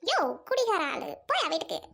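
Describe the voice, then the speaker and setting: A woman's voice: very high-pitched, huge pitch swings, brisk, creaky, pushed and bright, exaggerated voice. [name], woman playing a melodramatic lovestruck girl. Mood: dramatic. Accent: Trichy Tamil. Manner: bossy, melodramatic, scolding. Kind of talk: comedy skit acting.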